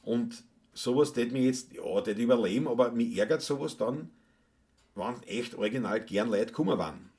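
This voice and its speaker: A man with a Viennese accent, chatting casually and gruffly on a solo live stream, joking and cursing between songs. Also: mid-range voice, moderate pace, darkish tone. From Austria. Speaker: solo livestream musician. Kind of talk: casual live-stream chat with Wienerlied singing. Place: home, indoors.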